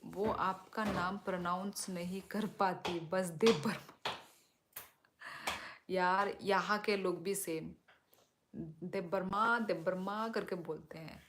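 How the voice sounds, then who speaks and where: Woman, live stream host, unhurried, lowish voice, relaxed casual chat, faint background noise. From Northeast India. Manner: chatty, relaxed, mixes English words into Hindi.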